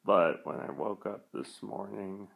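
A young man vlogging casually while feeling sick, speaking in a halting, hesitant way that trails off. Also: low voice, gravelly, fairly bright tone, slightly rough. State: feeling sick, achy and nauseous. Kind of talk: casual vlog talk.

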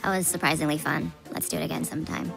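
A woman voicing a gloomy, sardonic teenage girl sorceress in a cartoon, gravelly and deadpan. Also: sits low, very fast. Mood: indifferent. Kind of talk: animated cartoon voice acting. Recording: loud music over the voice.

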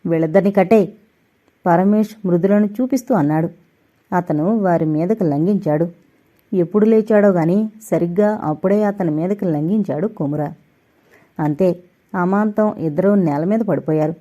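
A woman reads an audio novel aloud as its narrator. Her delivery is steady and even. Her tone is very dark and mellow. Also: lowish voice, normal speed, dull audio. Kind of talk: scripted story narration.

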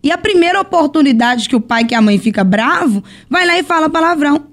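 A Brazilian woman speaks as a bishop guest on a church podcast, her voice fairly high. She explains her teaching patiently and slips into short stories with quoted dialogue. Her delivery is measured and instructive. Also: expressive. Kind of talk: teaching, religious podcast talk.

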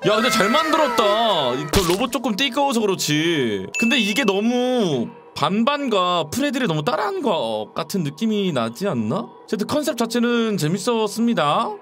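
A man in his twenties, commentating a horror game he is playing, talking back to the characters and yelling when startled. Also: high voice. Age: 20s. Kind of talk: casual gameplay commentary.

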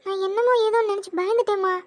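A woman's voice: very high voice, fairly even intonation, fast talker. A woman playing a whiny cartoon schoolgirl. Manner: whiny, protesting. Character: startled schoolgirl daughter. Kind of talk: animated cartoon voice acting.

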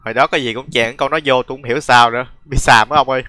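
A man's voice: mid-range voice, fairly even intonation, rapid-fire, pushed and bright. A young man, laughing often and poking fun at himself while reacting to his old gaming videos. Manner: laughs often, self-mocking and chatty. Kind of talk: casual reaction commentary.

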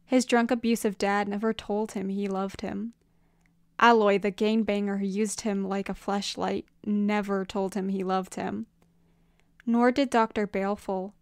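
A woman reading a story aloud as narrator, in a measured, expressive way. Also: medium pitch, smooth, no echo, clean studio sound. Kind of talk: fan fiction audiobook reading.

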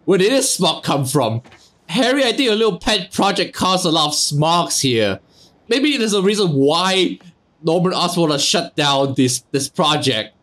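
A man's voice: fairly high pitch, a bit bright. A man giving joking, casually swearing game commentary with mock exasperation. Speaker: gameplay video maker and commentator. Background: video game music.

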